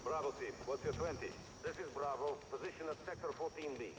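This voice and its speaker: A patrolling security guard in a video game, heard over a two-way radio. He trades clipped reports and check-ins in a slightly raised voice. The radio sounds far off under loud background noise. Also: fairly high pitch, brisk. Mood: routine. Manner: clipped radio call-and-response.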